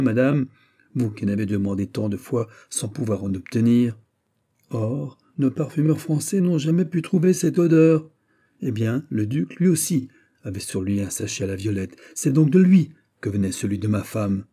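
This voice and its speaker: A man's voice: mid-range voice, lively intonation, moderate pace, mellow, breathy edge. A man voicing a jealous, indignant young French prince in an audiobook, heated and insistent. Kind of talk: audiobook character voice.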